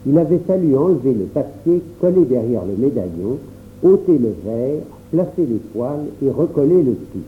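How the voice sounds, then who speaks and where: A man tells the story in the first person at a calm, measured pace, with a mid-range voice. The sound is thin and phone-like, with a faint noise underneath. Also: medium pitch. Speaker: narrator. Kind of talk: storybook narration. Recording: tinny phone-like audio with faint hum.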